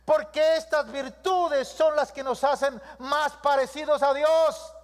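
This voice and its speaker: A man's voice: extremely high pitch, steady tone, slow. A man preaching a sermon as pastor, leading the congregation in call-and-response and stacking repeated lists. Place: church hall. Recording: long reverb of a church hall.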